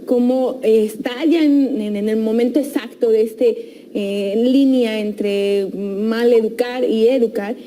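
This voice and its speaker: A woman's voice: fairly high pitch, fairly even intonation, slow pace, dark tone, slight background noise. A woman co-hosting a radio talk show, conversational and hesitant. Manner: conversational, with hesitations and frequent affirmations.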